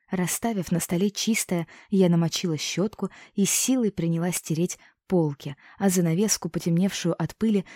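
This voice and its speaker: A woman's voice: on the low side, warm tone, no room sound, clean studio sound. A woman narrating a first-person story as an audiobook, telling it expressively and voicing the characters.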